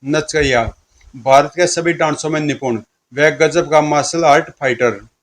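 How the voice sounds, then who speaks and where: Male narrator for a comic-book audio story, lively delivery. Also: a little high, unhurried.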